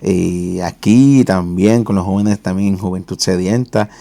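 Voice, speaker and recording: Gravelly, low-voiced man hosting a faith show. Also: steady tone, warm tone, dry recording. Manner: fervent religious greetings, measured questions. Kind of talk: faith interview.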